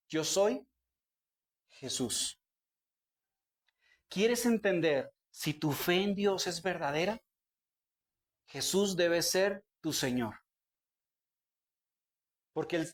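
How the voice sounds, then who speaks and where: Young male pastor, fairly high voice, preaching with pointed questions to the room. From Colombia. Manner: preaching with direct questions to the congregation. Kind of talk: sermon.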